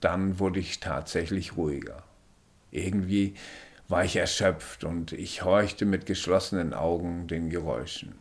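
A man reading a first-person story aloud in a measured, introspective way. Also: deep voice. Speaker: narrator. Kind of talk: first-person audiobook narration.

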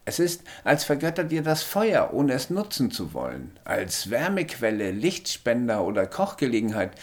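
A man's voice: medium pitch, huge pitch swings, moderate pace, voice pushed up. A man voicing a small male alien in an audiobook, speaking in a terse, factual, lecturing way. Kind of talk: audiobook character voice.

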